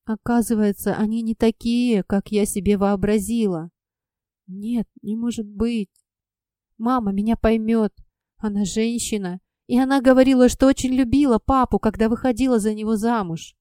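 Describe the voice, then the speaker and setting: A woman narrating a first-person audiobook in an expressive, measured reading. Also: a little high, no echo, studio quality.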